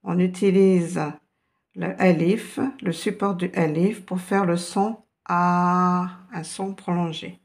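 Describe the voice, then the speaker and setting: A woman's voice: fairly low pitch, little pitch movement, slow pace. A woman teaching a beginner language lesson, explaining patiently step by step. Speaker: Arabic teacher.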